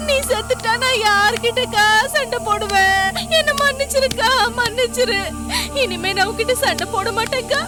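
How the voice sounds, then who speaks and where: A woman's voice: extremely high pitch, normal speed. An actress playing a frantic young woman who wails and begs, afraid she has killed her sister. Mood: panicked pleading. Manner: frantic wailing pleas. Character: panicky, foolish young woman, terrified of jail. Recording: TV serial audio with loud music.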